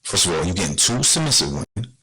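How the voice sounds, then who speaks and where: Husky, lively-voiced man riffing to viewers. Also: deep voice, fast talker, rough recording. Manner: blunt, rhetorical questions, streetwise slang. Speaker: podcast host. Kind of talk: casual monologue to viewers.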